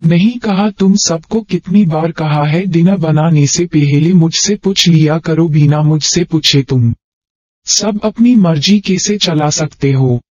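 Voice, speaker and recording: A man reading the part of an angry, proud mother who runs a wealthy household, scolding in a sharp tone. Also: fairly high pitch, unhurried, no room sound. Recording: dry, dull lo-fi.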